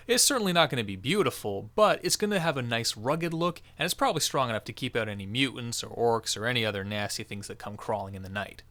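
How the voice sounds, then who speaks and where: A man narrates a crafting tutorial in an encouraging, jokey manner. His voice is bright and swings freely up and down in pitch.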